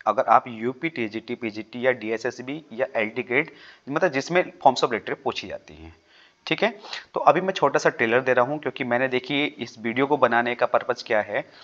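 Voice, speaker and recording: A man's voice: medium pitch, moderate pace, fairly bright tone. Man teaching exam questions, lo-fi sound. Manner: explains with worked examples, often checks in with "theek hai". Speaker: English literature teacher. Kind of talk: exam-prep lesson on a YouTube channel. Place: home desk, recording over a screen with a drawing tablet.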